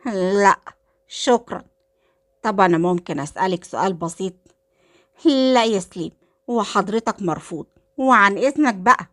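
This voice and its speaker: Woman voicing a sharp indignant young Egyptian wife. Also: mid-range voice, expressive, moderate pace, long pauses, close to an everyday voice. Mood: curt. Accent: Egyptian Arabic.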